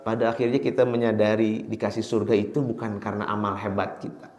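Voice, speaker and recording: A man with a Sundanese accent preaching a sermon in a mosque, telling a story with sudden high, loud outbursts and chanting verses slowly. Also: level tone. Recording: echoey mosque hall.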